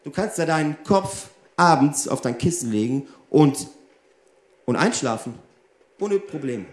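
Guy preaching a sermon, fairly high voice, lots of questions thrown at the crowd, echoey room. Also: a little slow. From Germany. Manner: animated, addresses the audience directly with rhetorical questions.

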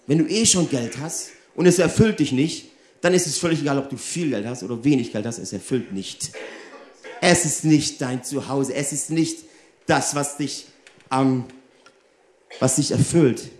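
A man's voice: mid-range voice, moderate pace, echoey room. A man preaching a sermon who talks straight to his listeners and keeps asking them rhetorical questions. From Germany. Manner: animated, addresses the audience directly with rhetorical questions.

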